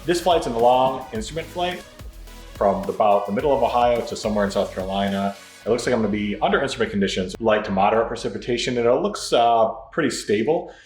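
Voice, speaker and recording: A man's voice: mid-range voice, expressive, fast talker, a little mellow. An American man narrating a casual video blog in an informal, thinking-aloud way. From Michigan, United States. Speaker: pilot video blogger. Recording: roomy echo, faint music behind.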